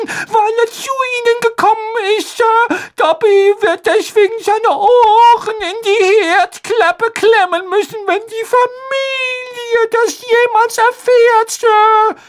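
A woman voicing a small, servile male house-elf in an audiobook, with a shrill, tearful voice and humble, overwrought pleading. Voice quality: squeaky, shrill and sobbing. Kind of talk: audiobook character voice.

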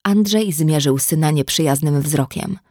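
A woman narrating an audiobook in a measured, even reading. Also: low-pitched, no room sound, studio quality. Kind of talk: scripted narration.

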